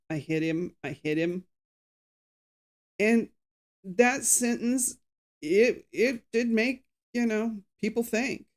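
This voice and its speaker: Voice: medium pitch, a little mellow. A true crime show host in a casual live recap, chatty and opinionated, greeting viewers by name and reading out quotes with added emphasis. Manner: reads out quotes with acted emphasis.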